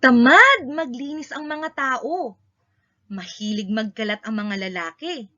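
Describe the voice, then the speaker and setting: A Filipino woman reads a story to children a little slowly and with animation, her high, very bright voice delivering short, emphatic sentences. The recording is somewhat dull and lo-fi.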